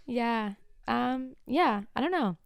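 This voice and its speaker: A young woman, a musician co-hosting a podcast, chatting casually, full of "like" and quick laughs, close on a studio mic. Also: on the high side, lively intonation, vocal fry, smooth, dry recording. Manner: chatty, laughs often, lots of "like" fillers. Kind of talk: casual chat. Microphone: studio dynamic mic, spoken into closely.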